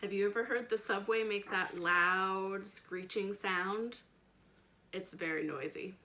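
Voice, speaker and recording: Taking her time, a woman with a medium-pitched, bright, forceful voice reads a picture book to children. The storytime reader and educator speaks right to them, stresses key words, and chats between pages with easy questions and simple words.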